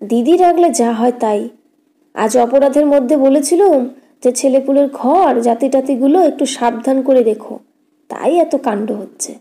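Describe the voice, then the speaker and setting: A woman's voice: sits high, measured pace, mellow. A woman voicing a proud, stubborn young wife and doting aunt, giving defiant, curt replies as an audiobook character. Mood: sulky.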